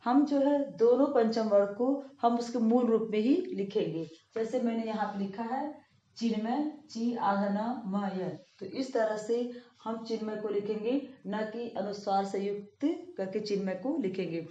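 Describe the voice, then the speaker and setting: A woman teacher explaining a grammar lesson to children, patiently repeating each rule and slowly spelling out example words. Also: medium pitch, warm tone. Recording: echoey room, dull lo-fi sound.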